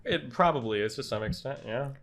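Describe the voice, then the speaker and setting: A man hosts a relaxed debate stream, his voice sitting at a middling pitch. He teases and pokes at his guest, blunt and sarcastic throughout. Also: fairly quick. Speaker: streamer host. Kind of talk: casual debate chat.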